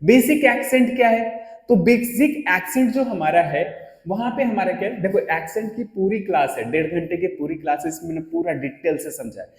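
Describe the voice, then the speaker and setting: A man teaching a French class, drilling the alphabet slowly for students to repeat. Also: high voice. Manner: drills letters aloud, slow call-and-repeat recitation. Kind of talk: classroom lesson. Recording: echoey, reverberant classroom.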